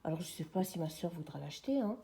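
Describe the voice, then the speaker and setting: A woman's voice: on the low side, animated, fast talker, dark tone, slight background noise. A woman in her forties chatting casually to the camera at home while sorting things, calling her viewers friends. She is on a tripod, with the mic on the far side of her. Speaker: vlogger. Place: at home, sitting on the floor.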